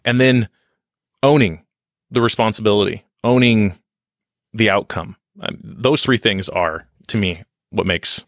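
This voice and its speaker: A man with a lowish, fairly bright voice speaks unhurriedly in a dry, clean studio recording. He's a podcast guest on leadership and success, talking candidly, reflectively and self-deprecatingly while often restarting sentences.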